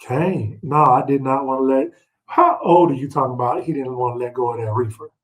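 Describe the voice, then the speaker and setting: A middle-aged man with a mid-range voice leads a Bible read-along at a brisk clip, on a low-quality recording. His teaching is casual and conversational, full of personal anecdotes and rhetorical questions aimed at listeners.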